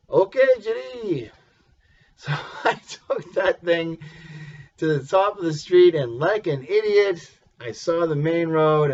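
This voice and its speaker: A man telling a personal story casually, chuckling and restarting his sentences often. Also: fairly high pitch. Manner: chuckling, halting, with many restarts. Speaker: vlogger. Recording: dull lo-fi recording.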